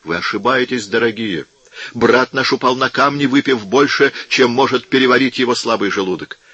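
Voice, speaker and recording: A man's voice: medium pitch, moderate pace, sharp tone, dry recording, highs cut off, voice pushed up. A man playing a falsely meek monk. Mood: unctuous. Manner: sanctimonious, smooth-tongued.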